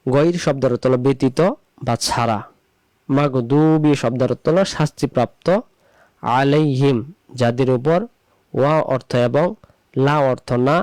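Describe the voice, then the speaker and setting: Male recitation teacher, measured and drawn-out, smooth clear voice. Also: medium pitch, a little mellow, dry recording. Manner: slow drawn-out recitation examples between quick explanations. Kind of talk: explaining pronunciation and meaning.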